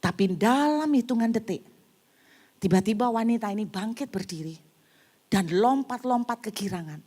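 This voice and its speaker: A middle-aged woman pastor preaching a sermon, telling stories in an animated way and acting out the scenes. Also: fairly high pitch, moderate pace. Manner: animated storytelling, acting out scenes with cries and shouts. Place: church service in a hall.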